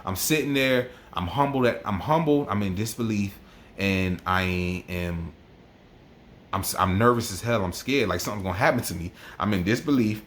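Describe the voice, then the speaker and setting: A man's voice: on the low side, normal speed, fairly bright tone, a little hiss or hum. A man tells his own story straight to the camera. He talks in an emotional, worked-up way and keeps circling back over his own words. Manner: emotional, worked up, repeats himself. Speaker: army NCO vlogger. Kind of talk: personal storytelling.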